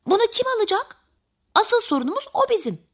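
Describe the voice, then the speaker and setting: Woman putting on a storybook rabbit, high, squeaky, lively, whiny, a bit husky. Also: fast talker, full character voice. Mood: eager. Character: hungry, pushy young rabbit.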